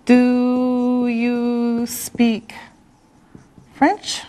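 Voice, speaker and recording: A woman's voice: a little high, completely flat delivery, extremely slow, dark tone, faint music behind. A woman teaching a beginner language lesson, speaking with careful enunciation and repetitive drilling. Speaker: English teacher.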